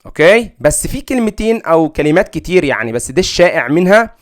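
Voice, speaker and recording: A man with an Egyptian Arabic accent gives an English lesson in a voice pitched a little above the average man's. He explains each rule in order, repeats example words and keeps checking that the class is following. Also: sing-song, quick pace. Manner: explains rules step by step, checks in with "okay?". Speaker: English teacher.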